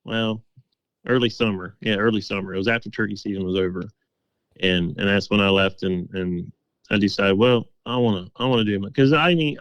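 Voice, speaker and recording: A middle-aged man who makes game calls is being interviewed, and he tells his stories in a folksy, casual, conversational way, acting out old conversations as dialogue. His voice sits on the low side with a fairly bright tone. There's no room sound, but the audio quality is poor.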